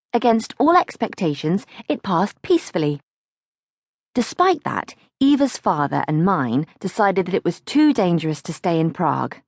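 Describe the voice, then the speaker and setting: In a dry, clean studio recording, a woman with a lowish voice narrates a childhood diary for an audiobook. She reads her script with plenty of expression, dramatizing each question.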